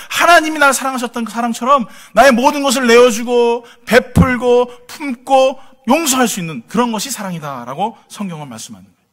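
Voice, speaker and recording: Bright-voiced Korean pastor, high and lively. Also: male voice. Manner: conversational preaching with humor and rhetorical questions. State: tired from lack of sleep. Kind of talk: sermon.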